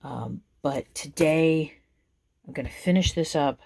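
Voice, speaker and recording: A woman's voice: low voice, unhurried, vocal fry, a little mellow. Rambling woman demonstrating a craft. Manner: chatty and rambling, many ums and restarts, laughs at herself. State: has the hiccups. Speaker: craft video maker.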